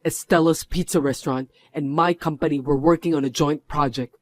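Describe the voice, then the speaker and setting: A man's voice: fairly high pitch, fairly even intonation, brisk, no room sound, close to an everyday voice. A man playing a stern company executive who scolds his mother with a firm manner in a dubbed drama.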